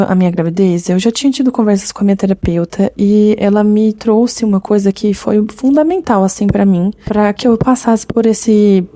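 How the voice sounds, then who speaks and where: A woman's voice: mid-range voice, dark tone, dry recording. A young Brazilian woman hosting a podcast, speaking candidly and reflectively about her own experience, often checking in with the listener. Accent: Brazilian Portuguese. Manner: candid, reflective, many "sabe?" and "né?" tags. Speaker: podcast host. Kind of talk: personal confessional podcast talk.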